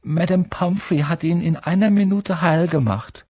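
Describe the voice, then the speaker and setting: A man's voice: a little high, normal speed, a little mellow, husky, no room sound, pitched above the performer's own voice. A man voicing a timid, anxious young schoolboy who pleads not to be left alone, in an audiobook reading. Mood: relieved.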